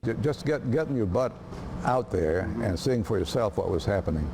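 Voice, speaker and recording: An older American man, a retired military officer, answering interview questions in a halting, blunt, plainspoken way. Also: on the low side, animated, creaky, heavy background noise. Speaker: retired Army colonel, interviewee. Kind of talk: unscripted interview.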